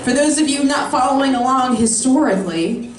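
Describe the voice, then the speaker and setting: On a comedy club stage, a woman in her thirties delivers a brash, sarcastic stand-up set to a live audience whose laughter fills the background. Her voice sits high and moves fairly quickly, picked up by a far-off mic in an echoey room.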